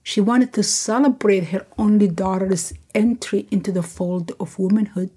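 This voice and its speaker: A woman hosting her own podcast reads a scripted family story aloud. Her reading is measured and gentle. Her voice is warm and mellow, with a slightly husky, breathy edge. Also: medium pitch.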